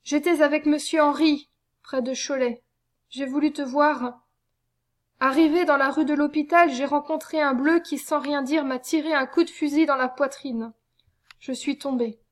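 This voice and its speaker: A woman voicing a dying young male soldier, gentle and devout, speaking faintly. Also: high-pitched, steady tone, natural voice. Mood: weak. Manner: faint, fading, slowing speech.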